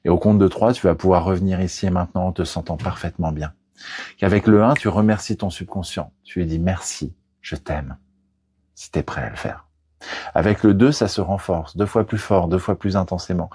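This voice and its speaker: A man leading a guided hypnosis session in a soothing, deliberate manner, as a trainer speaking into a close microphone. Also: deep voice, dark tone, husky, dry recording. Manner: soothing, slow, deliberate guiding delivery.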